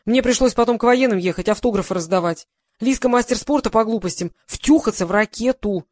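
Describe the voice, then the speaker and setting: A woman's voice: a little high, brisk, darkish tone, no echo, studio quality, natural voice. A woman voicing a sarcastic, offhand male actor in an audiobook, snide and dismissive. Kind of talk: audiobook reading.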